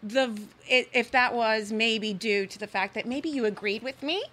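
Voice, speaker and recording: A woman co-hosts a music podcast with a bright, forward voice that sits a little high. She talks casually and asks curious questions that wander before landing. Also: normal speed. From South Florida. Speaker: podcast host. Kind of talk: casual interview chat.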